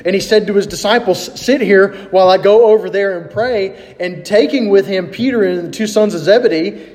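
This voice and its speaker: A man's voice: high voice, a little mellow, in a large hall. A man preaching a sermon in a conversational way, asking his listeners questions and reading scripture aloud. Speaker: pastor.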